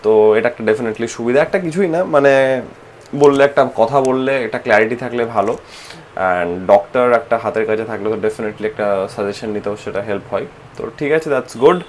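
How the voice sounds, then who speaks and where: Soft, slow-talking Bengali man. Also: mid-range voice, a little hiss or hum. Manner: slow, soft-spoken, mixing English phrases into speech. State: tired and low on energy from fasting. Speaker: vlogger. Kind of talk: casual vlog narration. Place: home, indoors.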